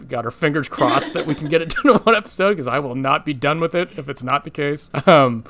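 Energetic man ranting on a podcast. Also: on the high side, a little fast. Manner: energetic, ranting, laughs often. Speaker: podcast host. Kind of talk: casual podcast chat. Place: home.

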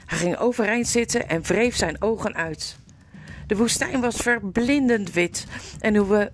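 A woman's voice: medium pitch, a little hiss or hum. A woman narrating a storybook expressively, with vivid storytelling. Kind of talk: storybook reading.

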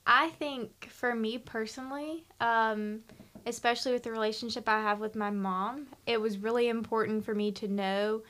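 A woman's voice: on the high side, steady tone, normal speed, fairly bright tone. A young woman guest talking casually and earnestly, with lots of ums and likes. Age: young adult. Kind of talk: casual conversation.

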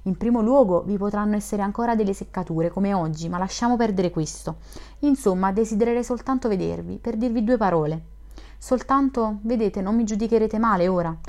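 A woman's voice: medium pitch, fairly quick, close to an everyday voice. Woman voicing a guarded, playfully teasing young woman for an audiobook. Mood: frank. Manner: frank, gently teasing. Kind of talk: audiobook reading of a classic novel.

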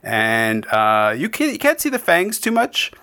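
A man's voice: mid-range voice, wildly swooping pitch, unhurried, pushed and bright, clean tone. A man from Canada hosting a podcast, chatting casually and rambling with many restarts and digressions. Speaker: podcast host. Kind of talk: casual interview chat.

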